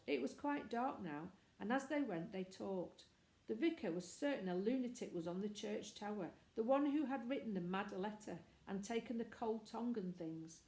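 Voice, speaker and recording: A woman narrating a children's storybook calmly and evenly. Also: mid-range voice. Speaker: audiobook reader. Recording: echoey room.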